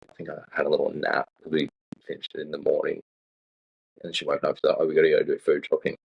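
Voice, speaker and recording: Young Aussie bloke, deep fried voice, husky, casual swearing podcast chat, muffled lo-fi recording. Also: male voice, monotone, fast. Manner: rambling, swears a lot, acts out quotes. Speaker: podcast co-host. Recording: dull lo-fi sound.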